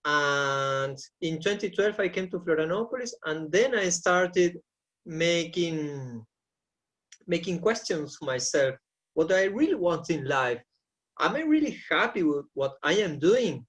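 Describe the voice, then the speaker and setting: A man's voice: a little high, expressive, a little slow, fairly bright tone. A man in his forties from Argentina, a coach answering interview questions earnestly in English as a second language, often repeating words as he searches for phrasing. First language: Spanish. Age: 40s. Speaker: shamanic coach.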